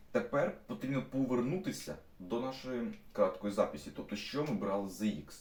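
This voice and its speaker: A young male math teacher with a low, darkish voice walks students through problems step by step, stopping often to restate steps with fillers. It was recorded with a distant mic in an echoey classroom.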